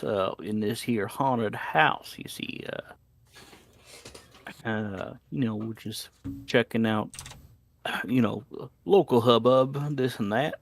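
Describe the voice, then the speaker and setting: A man's voice: on the low side, vocal fry, no echo. A man playing a small, polite, evasive investigator in a tabletop game, rambling and stammering to placate others.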